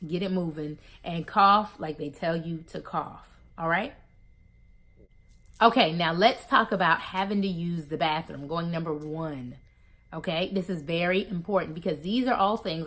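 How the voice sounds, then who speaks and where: A woman talking casually to her viewers, giving advice from her own experience and often calling them "y'all". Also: fairly low pitch. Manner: animated, addresses listeners as "y'all". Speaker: vlogger sharing surgery recovery tips. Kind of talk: casual advice talk to camera.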